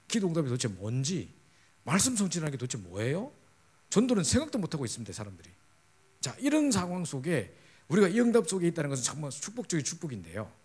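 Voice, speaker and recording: Middle-aged pastor guy preaching fast, husky voice, keeps asking the crowd "right?". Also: on the high side, darkish tone. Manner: emphatic, repeatedly asks the audience for agreement. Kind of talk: sermon.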